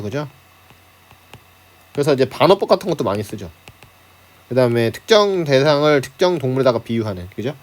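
A man teaching high school literature in a relaxed, conversational manner. His pitch moves widely as he explains, and he keeps prompting his students with short tag questions. He lectures from his home. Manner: starts phrases with a prompting filler, chuckles now and then. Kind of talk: online lecture on a class handout.

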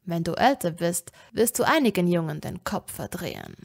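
A woman voicing a charming, sinister young male wizard who speaks softly and insistently. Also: on the low side, sing-song, moderate pace, creaky, exaggerated voice. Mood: smooth. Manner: soft, insistent, menacing.

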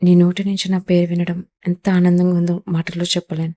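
A woman's voice: lowish voice, flat delivery, brisk, dark tone, close to an everyday voice. A wounded, devoted mafia don, as a woman reads him. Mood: tender. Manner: tender, devoted pleading. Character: wounded, obsessive young male mafia don.

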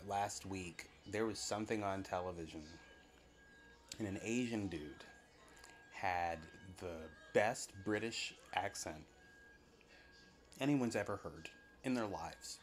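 A man from the United States hosting a podcast, rambling and musing through a casual solo monologue with a self-deprecating tone. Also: on the low side. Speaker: podcast host. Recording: muffled lo-fi audio with faint hiss.

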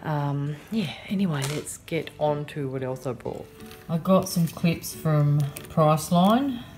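Low-voiced chatty Australian woman. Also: animated, unhurried, darkish tone, soft background music. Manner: chatty, rambling, lots of ums and yeahs. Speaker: vlogger. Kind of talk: casual haul chat. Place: in a car at night.

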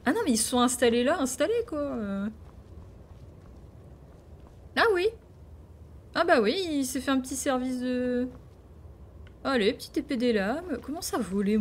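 A woman's voice: a little high, darkish tone, a little hiss or hum. A woman streaming a video game, chatting playfully with her viewers and full of exclamations. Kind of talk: casual live-stream gaming commentary.

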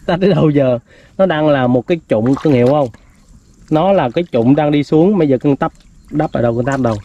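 A man hosting a casual outdoor vlog, calling out excitedly to viewers while catching fish. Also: fairly high pitch, a little fast, lo-fi sound, background noise. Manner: excited, loud calls to the viewers. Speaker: vlog host. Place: outdoors by a stream while fishing.

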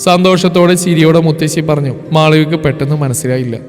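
A male storyteller giving scripted narration in an even, measured reading. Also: a little high. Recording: reverberant with background music.

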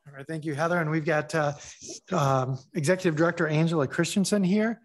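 A man with a fairly high voice chairs a city council meeting as mayor. He moves through procedure in a relaxed, informal way. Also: a little fast.

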